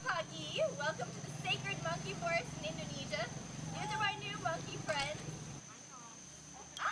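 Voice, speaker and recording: A woman reporting on location in an excitable, exclamatory way. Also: very high-pitched, fairly quick, heavy background noise.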